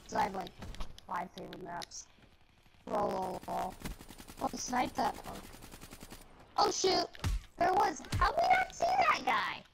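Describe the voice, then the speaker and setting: A male host of a gaming video giving casual, rambling, excitable commentary while playing, his voice coming through with a robotic, glitchy distortion. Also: extremely low pitch, a little slow, gravelly, pauses often. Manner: rambling, excitable, filler-heavy. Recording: loud game noise behind voice.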